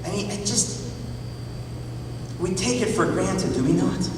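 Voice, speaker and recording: Here a high-pitched male pastor from Iran speaks at a measured pace, pressing a live crowd with rhetorical questions during an emphatic political address. The sound comes from a distant mic in a large, reverberant hall, and there's background noise throughout.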